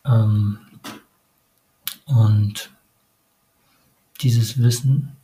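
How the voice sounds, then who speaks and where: Slow, flat-voiced man musing quietly. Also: fairly low pitch, background noise. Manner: slow and halting, speaking in short pauses with frequent hesitations; speaks directly to the listener as "du". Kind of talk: meditative spiritual monologue.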